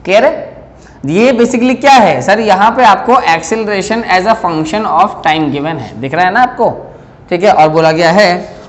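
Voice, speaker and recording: High-voiced male teacher in an echoing classroom. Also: unhurried. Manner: explains step by step, mixes Hindi and English, keeps checking "clear hai?". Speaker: physics teacher. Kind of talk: classroom lecture at a board.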